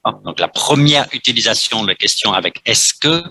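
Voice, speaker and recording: A man with as his teaches a French class, going slowly and repeating himself, dropping "hein" between phrases. His voice is bright and husky, and the sound is dry and close. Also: mid-range voice, animated, no room sound, poor audio. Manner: slow, repetitive teacher talk with frequent "hein"; switches between French and Vietnamese to explain.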